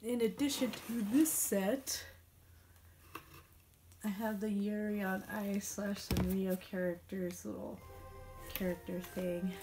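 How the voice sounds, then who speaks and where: In a living room, a young woman unboxes toys for her vlog, gushing, cooing, and sometimes whispering in a casual chat. Her medium-pitched voice keeps a steady tone and a slow pace with frequent pauses, though it sounds strained, as if she is losing it. Music plays behind her.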